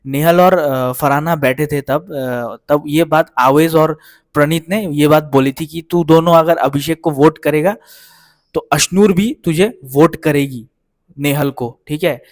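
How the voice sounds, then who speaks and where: A man with a somewhat higher voice talks through a reality show recap off the cuff, rambling from one event to the next. He keeps stopping to check that his listeners follow. The sound is close and dry, with no room around it. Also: measured pace, dry recording. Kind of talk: casual spoken episode recap.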